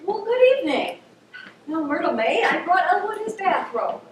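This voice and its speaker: A woman's voice: very high voice, very animated, moderate pace. A woman playing a bossy flustered mother. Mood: fussy. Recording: distant stage, echoey theater, room noise.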